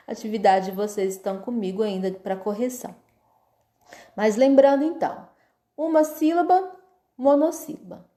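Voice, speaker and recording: Slow, patient Brazilian woman teacher. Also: a little high, warm tone, roomy sound. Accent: Brazilian Portuguese. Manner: patient, explaining step by step with frequent "tá?" checks. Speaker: schoolteacher. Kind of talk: remote class lesson.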